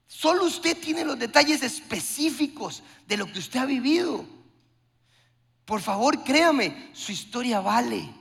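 A man's voice: extremely high pitch, animated, a little slow, vocal fry, fairly bright tone. A man preaching a sermon with passion, acting out short dialogues. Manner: impassioned preaching with acted-out dialogues. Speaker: pastor. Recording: long hall reverb.

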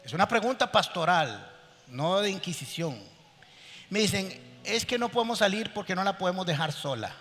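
A male pastor preaching a sermon, animated, acting out the people in his stories. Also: high voice, normal speed, in a large hall, faint music behind.

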